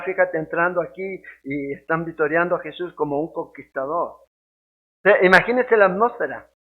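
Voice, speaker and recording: A man teaching a Bible study as a pastor, lively and conversational, often checking that listeners follow. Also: high-pitched. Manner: keeps asking "¿ya?" to check understanding, lively and conversational. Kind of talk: sermon-style Bible teaching. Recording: tinny phone-like sound.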